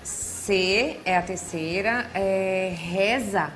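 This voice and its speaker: Participante brasileira, voz média, meio afobada tentando adivinhar, música baixinha atrás. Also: female voice, medium pitch, a bit bright, faint music behind. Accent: Brazilian Portuguese. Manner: nervous, thinks aloud quickly. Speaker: game show contestant. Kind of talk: live TV game show answers. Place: TV studio.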